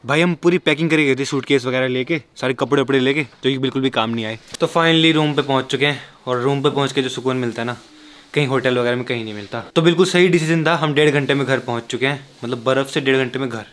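Fast-talking excitable young male vlogger. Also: mid-range voice. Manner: chatty, excitable, addresses viewers as guys. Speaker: travel vlogger. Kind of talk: casual vlog narration.

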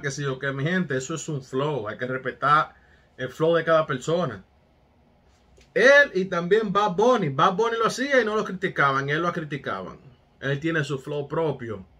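A man's voice: a little high, pushed and bright. Hyped man reacting to music. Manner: hyped, repeats street catchphrases, talks to viewers. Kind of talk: casual reaction commentary.

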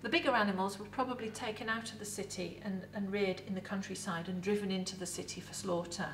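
Middle-aged English woman, museum educator, chatty lively talk, echoey room, distant mic. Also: mid-range voice, fast talker, slight background noise. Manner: lively, chatty presenter with props. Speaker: museum educator in Viking costume. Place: indoor museum set with replica kitchen. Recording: roomy echo, voice from a distance.

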